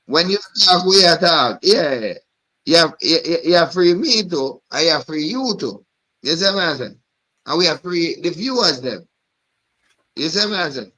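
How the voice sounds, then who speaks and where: Bright-voiced man, rambling chat. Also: a little high, lively intonation, moderate pace. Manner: rambling, repeats "you know what I mean". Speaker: live stream host. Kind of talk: casual chat.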